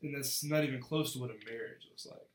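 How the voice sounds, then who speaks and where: A man's voice: mid-range voice, a little fast, reverberant, slight background noise. A young man co-hosting a casual faith podcast, frank and earnest, often repeating words as he starts a sentence. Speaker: podcast co-host.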